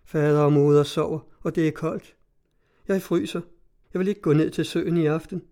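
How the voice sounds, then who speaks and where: A man's voice: a little high, fairly even intonation, natural voice. A tender, frightened young woman, as a male reader puts her on. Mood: anxious pleading. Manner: soft, pleading, anxious. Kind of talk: audiobook reading.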